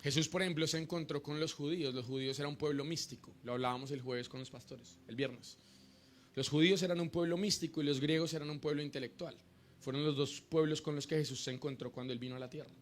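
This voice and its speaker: A man's voice: on the high side, steady tone, fast talker, a little hiss or hum. Man preaching a sermon. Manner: teaching in short repeated phrases, calls congregation to repeat.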